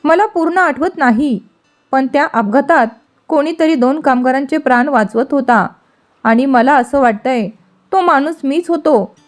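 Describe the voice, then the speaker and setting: A woman's voice: sits high, a little slow, faint music behind. A woman reading the lines of a troubled young man who has lost his memory, speaking hesitantly in a storybook reading. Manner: hesitant, searching.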